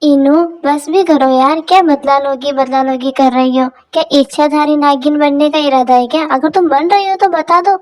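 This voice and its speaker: A playful young brother-in-law in a fan dub drama, nosy and full of wisecracks about the fight, as a woman voices him. He sounds high for a man. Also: fairly even intonation, moderate pace, few pauses, natural voice. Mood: mocking. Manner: wisecracking asides.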